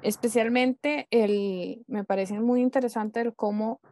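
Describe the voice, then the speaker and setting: A woman moderating a panel discussion, courteous and measured. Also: a little high, fairly even intonation, darkish tone.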